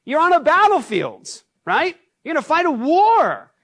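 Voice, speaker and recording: Pastor, male, animated sermon delivery with rhetorical questions, dry sound. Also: extremely high pitch, moderate pace, dry recording. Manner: acts out shouted scenes.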